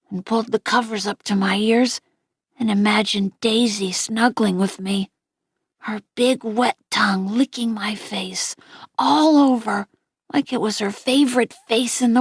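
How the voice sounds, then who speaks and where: A woman narrating an audiobook in a gentle, unhurried reading voice. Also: medium pitch, slightly rough, no echo, clean studio sound.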